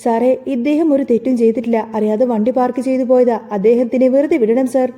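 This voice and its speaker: A woman's voice: a little high, steady tone, quick pace, dark tone, long reverb tail, natural voice. A woman voicing a worried but determined young wife in a storybook narration, pleading and scolding.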